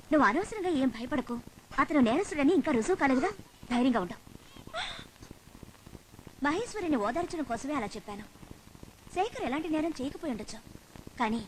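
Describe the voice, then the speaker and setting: An actress dubbing a worried female friend who offers soft, anxious reassurance. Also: sits high, slight background noise, poor audio. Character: worried woman friend consoling another. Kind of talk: dramatic film dubbing.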